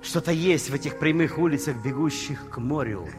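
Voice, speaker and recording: An older man, a comedian telling humorous anecdotes in an unhurried stage monologue. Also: on the high side, over music. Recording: reverberant hall.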